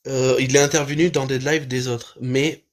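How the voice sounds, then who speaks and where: A man with a mid-pitched voice hosts a live stream and reacts casually to a video. He talks hesitantly, filling gaps with pauses and restarts. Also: flat delivery. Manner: hesitant, full of fillers and restarts.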